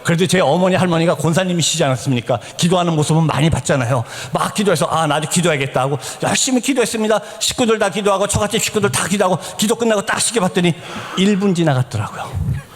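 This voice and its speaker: A middle-aged man, a missionary, telling his conversion story as a church testimony in an animated, storytelling way that rises to shouts. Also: high-pitched. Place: church sanctuary. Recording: church hall reverb.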